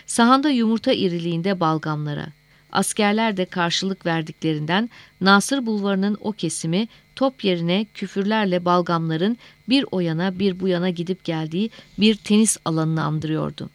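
A woman narrating a novel as an audiobook in a measured, steady reading voice. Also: on the low side, no echo.

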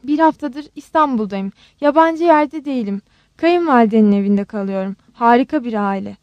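A woman's voice: on the high side, expressive, moderate pace, dry recording, highs cut off, lightly acted. A woman doing a guilty, pleading young daughter. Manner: pleading, apologetic.

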